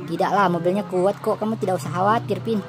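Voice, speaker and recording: A woman voicing a reckless, carefree little cartoon boy in a lower, offhand voice. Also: fairly even intonation, quick pace, lightly acted. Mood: breezy. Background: game music.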